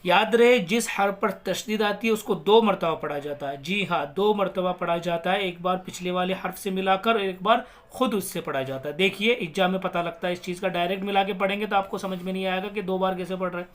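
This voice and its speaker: A man teaching Quran reading, spelling out letters and vowel marks one by one and then reciting the words slowly and drawn out. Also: high voice, a bit bright.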